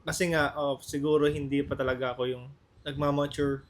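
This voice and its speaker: A man from the Philippines chatting casually on a podcast, getting animated when he remembers things. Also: a little high, a little fast, slight background noise. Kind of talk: casual chat.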